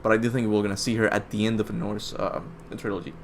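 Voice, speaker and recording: This gaming channel host, a young man from Cuba, talks fast in a fairly low, gravelly voice with a flat delivery. He rambles through viewer questions in a casual livestream chat, self-deprecating and laughing at his own slips. There's faint music behind him and a bit of background noise.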